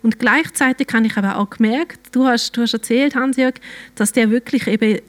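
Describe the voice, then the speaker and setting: Swiss woman giving a halting faith testimony. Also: a little high. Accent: Swiss German. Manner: emotional, halting, drops to near-whispers. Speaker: church member giving testimony.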